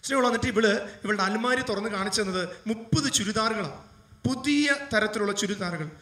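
High-voiced priest guy giving an emotional sermon, sounds far from the mic in a big echoey space. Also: fairly quick. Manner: emotional preaching, rising to loud fervent appeals. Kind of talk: sermon storytelling.

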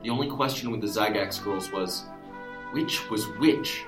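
An actor playing an exasperated, self-important sheriff who narrates a comic noir detective story. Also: male voice, fairly low pitch, a little slow, music in the background, close to an everyday voice. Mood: wry, hard-boiled. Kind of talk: comic hard-boiled noir narration and dialogue. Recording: roomy echo.

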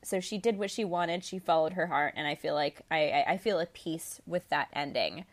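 A woman's voice: low voice, moderate pace. A young woman talking casually as a podcast co-host, laughing often and filling her talk with "like" and "um". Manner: laughs often, many fillers like "like" and "um". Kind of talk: casual chat.

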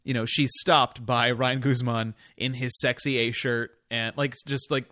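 A man's voice: mid-range voice, level tone, a little slow, bright, forceful tone, dry recording. A man co-hosting a podcast, chatting casually in rambling bursts full of fillers. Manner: rambling, lots of fillers and quoted voices. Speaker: podcast co-host. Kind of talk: casual chat.

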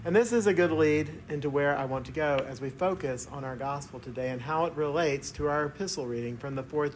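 Higher-voiced man preaching a measured sermon. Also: a little hiss or hum. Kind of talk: sermon, homily. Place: inside a church.

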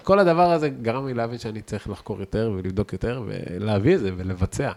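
A man's voice: on the low side, animated, darkish tone. Enthusiastic, emphatic Israeli man. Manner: enthusiastic, emphatic, repeats intensifiers for stress. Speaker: podcast guest, chef. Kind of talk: casual interview chat.

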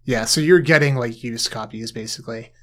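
A man hosting a podcast, chatting casually with a co-host. His voice sits in an ordinary middle pitch, and his delivery is dry and teasing, rambling along with frequent ums and uhs. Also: brisk.

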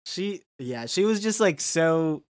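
A woman's voice: sits low, animated, slow, a little mellow, dry recording, studio quality. A woman chatting casually about a video game, laughing often and answering with short agreements.

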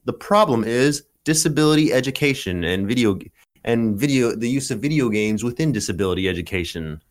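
A man's voice: medium pitch, animated, fairly quick. An American man hosting a podcast, upbeat and casual, playfully selling the show. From United States. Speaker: podcast host. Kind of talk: casual chat.

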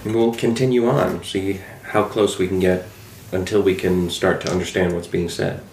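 A man's voice: sits low, fairly even intonation, normal speed, a little mellow. A man chatting casually as a player in a tabletop game. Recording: echoey room, clear background noise.

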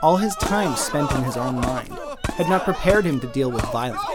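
Brief: male narrator for a dark fable, steady mid-range voice, measured delivery. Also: medium pitch, a loud crowd, heavy background noise. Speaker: writer and narrator. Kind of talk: scripted storytelling narration.

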